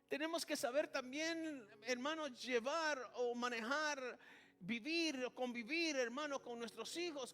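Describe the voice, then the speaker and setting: A man with an extremely high, fairly bright voice preaches a sermon in Spanish. He keeps calling out to the congregation with "hermano" and praising Jesus with "alabado sea el nombre de Jesús," restarting often.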